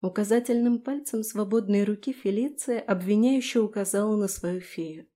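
A woman narrating a first-person fantasy audiobook in a calm, measured way. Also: medium pitch.

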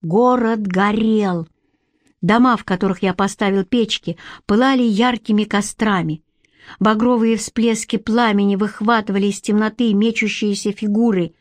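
A woman reading a story aloud as audiobook narration, at a slow, measured pace. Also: mid-range voice, steady tone, no room sound. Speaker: audiobook reader.

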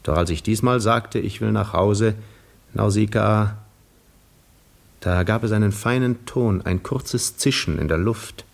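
A male actor, his voice gravelly and fairly low-pitched, brings a brooding mood to a weary, worldly castaway hero on his wanderings in a 1950s German radio drama. The middle-aged character teases gently, delivered in a measured, musing way.

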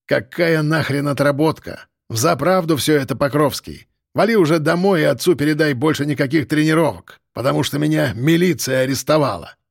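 A man voicing a sullen, spiteful male detainee who mutters low and sneers. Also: fairly quick, gravelly, hardly any pauses, no echo, studio quality. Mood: harsh.

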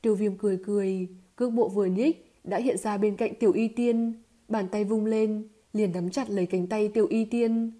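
Mellow woman narrating a novel. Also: medium pitch, fairly even intonation, moderate pace. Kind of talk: scripted audiobook narration.

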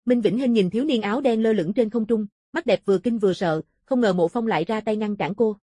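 A woman reading a scripted fantasy martial-arts story as an audiobook narrator, with a husky, soft-edged voice. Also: medium pitch, fairly quick, no room sound, studio quality.

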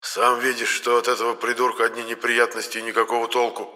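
A man's voice: medium pitch, monotone, fast, sharp tone, long reverb tail, voice pushed up. Man doing a wheedling spirit trapped in a doll. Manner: wheedling, pleading.

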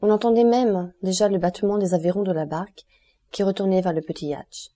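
A woman narrating a classic novel as an audiobook, in a steady, even reading manner. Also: medium pitch, fairly quick. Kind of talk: scripted literary narration.

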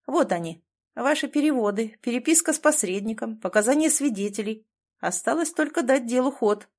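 A woman voicing a calm, tough rescue worker in an audiobook, speaking level and firm. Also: a little high, fairly quick, voice pushed up. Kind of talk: audiobook character reading.

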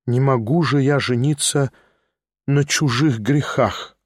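A man reading as an emotional aging gentleman. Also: mid-range voice, takes it slowly, dry recording, studio quality. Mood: hushed. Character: aging sentimental gentleman, gray-haired, emotional and wavering.

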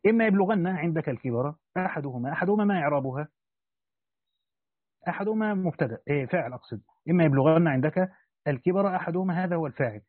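A man's voice: on the high side, no room sound. A man with an Egyptian accent reading a classical Quran commentary aloud and breaking off into casual explanations with fillers. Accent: Egyptian Arabic. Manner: reads the text then explains in casual colloquial asides with fillers. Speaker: Quran commentary reader and teacher. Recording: tinny phone-like lo-fi audio.

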